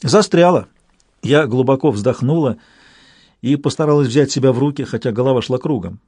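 A man reading a story aloud in measured, scripted narration. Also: mid-range voice, mellow, breathy edge, no room sound. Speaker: audiobook reader.

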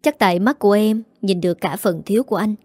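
A woman voicing a soft-spoken kind veteran. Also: mid-range voice, fast, breathy edge, no echo, studio quality, lightly acted. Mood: tender. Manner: soft, gentle.

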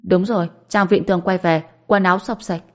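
A woman's voice: fairly low pitch, steady tone, a little fast, darkish tone, lightly acted. A woman voicing a playful, teasing young wife in an audiobook. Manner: teasing, mischievous. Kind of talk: audiobook character voice.

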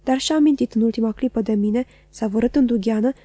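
Woman audiobook reader, mellow dark tone, fairly high pitch, dry close sound. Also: breathy edge, no echo. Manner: measured, even reading. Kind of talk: scripted literary narration.

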